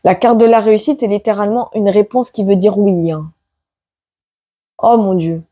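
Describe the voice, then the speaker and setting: A woman reading tarot cards aloud to her viewers in a casual chat, tagging her sentences with "hein" and bursting into loud exclamations. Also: medium pitch, a little fast, no room sound, clean studio sound. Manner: excitable, exclaims loudly, many "hein" tags. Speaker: tarot card reader. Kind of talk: casual card-reading video.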